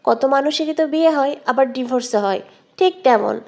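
A woman reading out the lines of a young bride who talks earnestly and gently to her friend. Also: high voice, a little fast.

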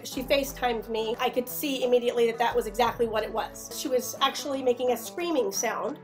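Woman host, raspy and hoarse from a cold, high-pitched, earnest, faint music underneath. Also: a bit bright. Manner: earnest, talks straight to viewers. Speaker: pet channel host. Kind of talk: casual storytelling to viewers.

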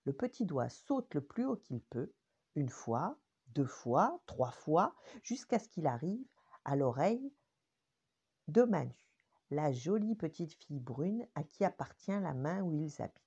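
Older grandmother storyteller, lively pitch, warm and low-ish, slightly dull lo-fi recording; bedtime story reading. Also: measured pace, breathy edge. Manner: gentle, expressive storytelling.

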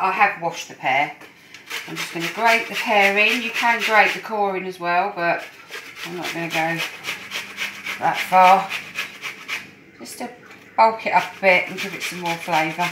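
A woman's voice: lowish voice, recorded from a distance, background noise. A middle-aged woman giving a casual, encouraging cooking demonstration in her home kitchen while she mixes batter. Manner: chatty, encouraging, talks while whisking. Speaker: support worker cooking host. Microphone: phone camera at a distance. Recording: echoey kitchen, voice from off-mic. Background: clinking bowls and utensils.

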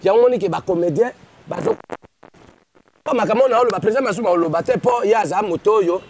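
With a high-pitched voice, a darkish tone and a fast delivery, a comedian gives a street interview in his stage persona. He's exuberant and declamatory, blends two languages, and busily promotes himself as a crowd murmurs in the background.

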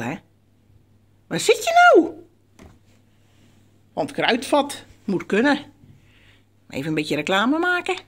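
Sing-song woman coaxing her birds. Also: breathy edge. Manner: coaxing, sing-song, high squeals of praise. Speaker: pet bird owner filming her birds. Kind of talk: playful chat to pet birds.

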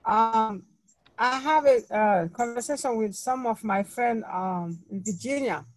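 A woman in a study circle telling an anecdote on a video call, animated, with non-native grammar, laughing at her own story. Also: on the high side, a little slow, no echo, low-quality recording.

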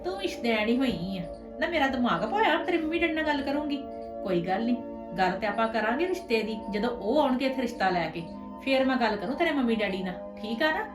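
A bossy, scheming aunt, played by a middle-aged woman, coaxes and presses, always fishing for agreement. Her voice sits a touch high and carries from a distance in an echoey room. Music plays clearly behind her. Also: animated, fast, natural voice. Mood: scolding, reassuring. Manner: persuasive, keeps asking for agreement. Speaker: scheming aunt arranging a match.

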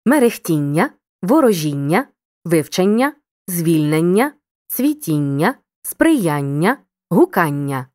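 A woman reading a scripted lesson, addressing the listener directly and spelling out example words clearly. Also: fairly low pitch, very animated, slow, darkish tone, no echo, clean studio sound. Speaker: teacher.

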